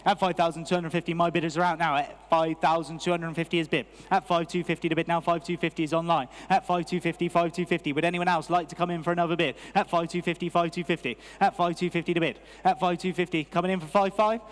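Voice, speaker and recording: High-pitched British male auctioneer, booming hall. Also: steady tone, fast, few pauses. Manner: repetitive rhythmic chanting of figures. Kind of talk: live auction bid calling.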